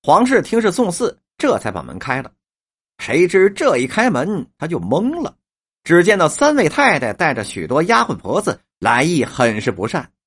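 A woman narrating a novel in a storyteller's lively cadence. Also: sits low, normal speed, husky.

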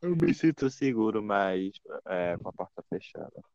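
A man's voice: on the low side, big pitch swings, normal speed, a little mellow. A man with a Brazilian accent, co-hosting a podcast in casual chat, teasing his co-host with joking replies. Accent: Brazilian Portuguese. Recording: dull dry lo-fi mic.

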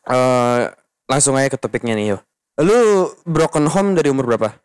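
A man's voice: mid-range voice, expressive, normal speed, smooth. A young man hosting a casual podcast chat, teasing his guest, laughing often and talking in slang. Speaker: podcast host.

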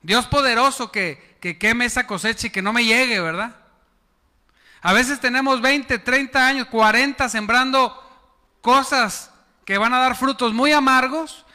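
A man's voice: very high voice, measured pace, pushed and bright, long reverb tail. A man preaching a sermon as pastor, chatty and often asking the congregation questions. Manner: conversational, asks the congregation questions. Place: church.

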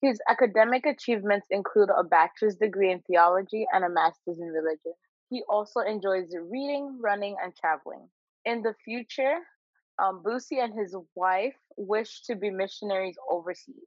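A woman's voice: mid-range voice, moderate pace, no echo. A woman co-hosting a podcast in a casual, playful, slangy way, sometimes reading aloud. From Zambia. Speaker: podcast co-host. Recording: dull, lo-fi audio.

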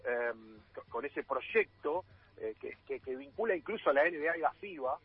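Raspy, lively Argentine man on a phone line. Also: mid-range voice, moderate pace, no echo. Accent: Argentine Spanish. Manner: explanatory, with many fillers and restarts. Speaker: radio sports columnist. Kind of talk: radio panel talk.

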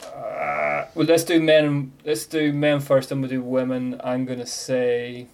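A man with a gravelly voice, hosting a casual sports podcast discussion. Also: mid-range voice, monotone, unhurried, a little mellow. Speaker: podcast host.

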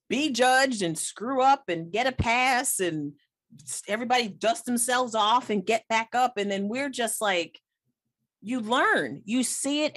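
A woman's voice: a little high, a bit bright. Emphatic woman in her late forties. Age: 40s. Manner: emphatic, encouraging, laughs often. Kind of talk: casual chat.

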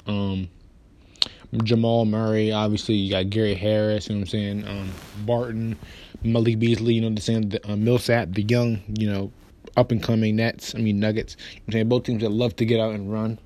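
A man hosting a casual basketball podcast, rambling with lots of fillers and restarts, and quick in delivery. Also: on the low side, level tone, mellow. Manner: talks fast, says so himself. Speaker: podcast host. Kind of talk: casual sports podcast talk.

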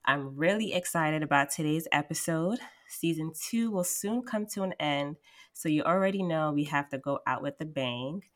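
A young woman presents an interview podcast. Her voice is notably low for a woman. She speaks as an upbeat, encouraging host who introduces topics and guests. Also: moderate pace.

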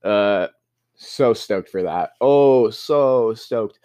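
A young man from California hosting a casual solo podcast. He rambles, gets excitable and swears often, and his pitch jumps up when he is worked up. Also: extremely slow, clear, resonant tone. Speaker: podcast host.

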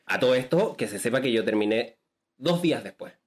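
A man with a Chilean accent telling a crude story among friends in animated, laughing casual chat. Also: mid-range voice, fairly quick. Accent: Chilean Spanish. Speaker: podcast co-host.

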